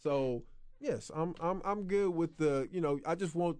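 A man's voice: fairly high pitch, a little slow, mellow, smooth. A man co-hosting a casual sports podcast, laid-back and slangy, laughing often. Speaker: podcast co-host.

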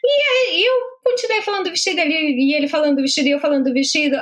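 A woman's voice: sits high, very fast, a bit bright. A young Brazilian woman with a Brazilian Portuguese accent, animatedly telling a funny story in casual chat, laughing as she goes.

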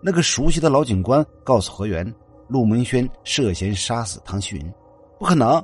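A man's voice: lively intonation, normal speed, slightly rough, soft background music. A man narrating a ghost story as storyteller, reading dramatically. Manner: dramatic reading with swings in pitch.

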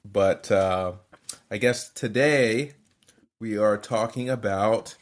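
A man with a somewhat low voice chats loosely on a podcast. He pauses often and fills the gaps with "uh" and "um" while he gathers his thoughts. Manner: relaxed, hesitant with many fillers. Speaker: podcast co-host. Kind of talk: casual podcast chat.

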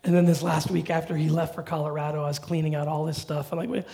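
A middle-aged male pastor preaching a sermon in a conversational, animated way with humorous asides. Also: a little high, fast, vocal fry.

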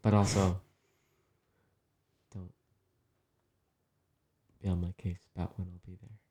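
A man's voice: low-pitched, level tone, slow, warm tone, slightly rough. A young man on a podcast as a guest, talking casually and laughing often. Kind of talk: casual chat.

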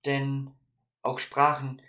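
A man's voice: mid-range voice, monotone, takes it slowly, sharp tone. A man co-hosting a casual podcast, thinking aloud with frequent fillers and restarts. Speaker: podcast co-host.

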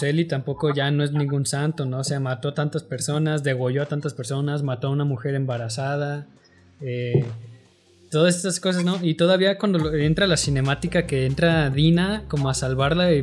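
Slangy Mexican man, sweary and expressive. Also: a little high, a little fast, soft background music. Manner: slangy, profane, animated storytelling with acted-out reactions. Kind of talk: casual chat about a video game.

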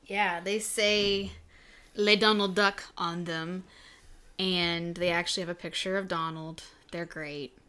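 A woman's voice: on the low side, steady tone, slow pace, pushed and bright, clear, resonant tone. A young woman co-hosting a casual couples podcast, playful and teasing, chatty with lots of fillers. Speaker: podcast co-host.

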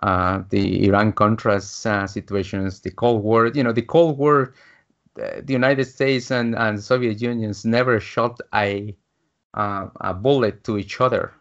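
This business coach from Guatemala, a man in his fifties, tells his life story as a guest on an interview, often using fillers and restarting. He speaks unhurriedly in a lowish voice with a steady, fairly bright tone. The audio is dull and lo-fi.

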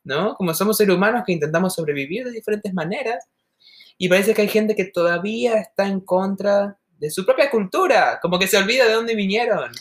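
A woman from Argentina with a softened Argentine accent, co-hosting a podcast and talking earnestly and at length in casual conversation. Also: medium pitch, animated, a little fast. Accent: Argentine Spanish, softened toward neutral. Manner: earnest, reflective, talks at length. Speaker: podcast co-host.

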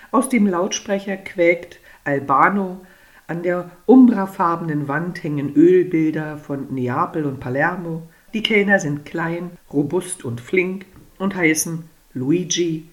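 A woman author reading from her book in an interview, telling the stories in a lively, expressive way. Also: low voice.

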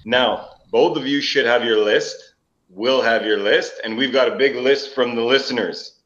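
A man's voice: medium pitch, a bit bright. A man hosting a casual chat, his voice sounding like he is in a cave, recorded on an old laptop mic in a basement. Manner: brisk, jokey, runs the segments. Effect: cave-like echo from a basement laptop mic. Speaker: podcast host. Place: basement room. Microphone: old laptop built-in mic. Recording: echoey, dull lo-fi laptop mic.

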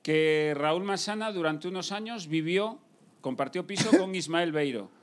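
A man's voice: fairly high pitch, normal speed. A man, a comedian guest teasing his host with mock-serious asides in front of an audience. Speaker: comedian guest, owns the streaming channel. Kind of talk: comedy banter with a live audience.

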